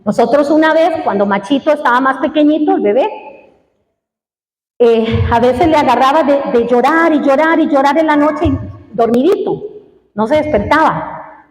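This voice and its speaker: A woman's voice: high-pitched, normal speed. A woman preaching a sermon to a congregation, telling a personal story with emotional, dramatic swings in her voice. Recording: echoey hall.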